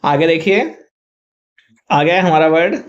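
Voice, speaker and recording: A male teacher with a Hindi accent and a slightly high voice speaks slowly during a vocabulary lesson, clearing up commonly confused English words. He spells each word out letter by letter and often says "thik hai." The recording is dull and lo-fi.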